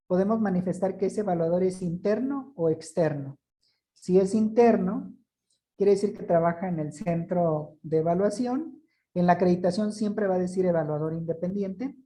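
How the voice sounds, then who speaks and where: A woman with a very dark, mellow voice explains procedures in a formal, measured way. She answers questions patiently in an online meeting. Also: lowish voice, low-quality recording. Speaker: certification body representative.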